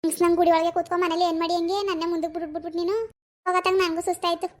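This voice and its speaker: In an animated cartoon, a woman with a very high voice plays a fretful older village mother, sighing and chattering. Her delivery is flat and rapid-fire.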